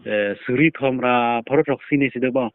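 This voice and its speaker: A man's voice: medium pitch, fairly quick, dry recording. Man talking over a tinny phone line. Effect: heard over a phone line. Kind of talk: casual phone chat.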